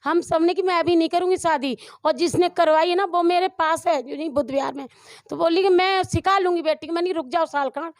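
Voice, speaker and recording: Middle-aged woman, high voice, dry close sound, rambling emotional testimony, restarts often. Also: a little fast, no echo. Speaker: mother of a dowry abuse victim. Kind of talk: street interview testimony.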